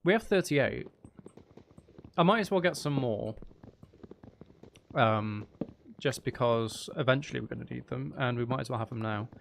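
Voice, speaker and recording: A man streaming as the host of his own channel offers casual gameplay commentary, thinking out loud and second-guessing himself with wry jokes. His mid-range voice is creaky and moves at a normal speed, broken up by frequent pauses. There's slight noise in the background.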